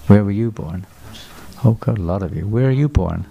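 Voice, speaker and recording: This older man from England is a visiting speaker giving a sermon lecture before a live temple audience; he poses questions and echoes their replies. He speaks briskly in a lowish, mellow, slightly rough voice with vocal fry, and the sound quality is lo-fi.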